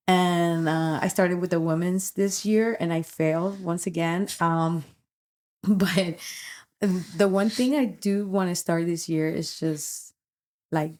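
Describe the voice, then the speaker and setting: Low-voiced earnest middle-aged woman. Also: darkish tone. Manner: earnest, reflective, halting with restarts. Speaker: podcast co-host and youth ministry leader. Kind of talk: casual podcast chat.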